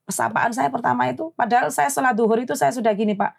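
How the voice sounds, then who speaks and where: Mother as podcast guest, high-pitched, indignant retelling, emotional storytelling. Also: quick pace, vocal fry, husky.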